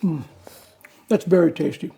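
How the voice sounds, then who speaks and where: Gravelly man in a casual taste test. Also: a little high, unhurried, dark tone. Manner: candid, wary of new foods. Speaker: co-host tasting food.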